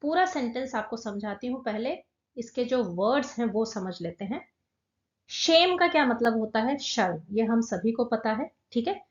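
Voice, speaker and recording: Higher-voiced woman teaching English. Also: expressive. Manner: patient, spells out English phrases slowly and clearly. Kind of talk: explanatory language lesson. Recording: roomy, slightly dull recording.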